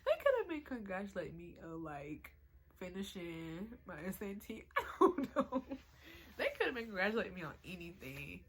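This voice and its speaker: A woman around twenty telling a storytime vlog in a chatty, excitable way, full of "like" and "y'all". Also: medium pitch, moderate pace, slightly rough, poor audio. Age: 20s. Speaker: vlogger.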